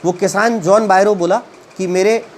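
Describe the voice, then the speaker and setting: A high-pitched man with a steady tone teaches a story, first reading the English lines slowly and then explaining and retelling them haltingly with many fillers. A little hiss or hum can be heard.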